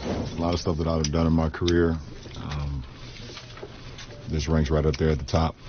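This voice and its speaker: Very deep halting male athlete, muffled. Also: level tone, over music. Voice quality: halting, many fillers and repeated words. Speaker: basketball player at postgame press conference. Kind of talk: emotional press conference remarks. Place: locker room. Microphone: press mics in front. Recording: muffled broadcast audio with crowd noise.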